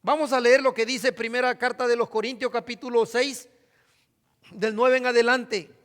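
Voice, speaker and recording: A man preaching a sermon, dropping to hushed asides and then reading scripture out loud with force. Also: very high voice, flat delivery, normal speed. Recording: hall reverb.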